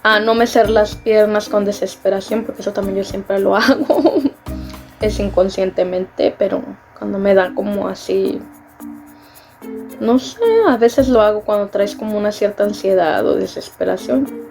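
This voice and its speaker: A woman's voice: medium pitch, fairly even intonation, moderate pace, creaky, over music. A young Mexican woman chatting casually in a vlog, filling her talk with "este" and laughing at herself. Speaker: vlogger. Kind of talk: casual vlog explaining customs.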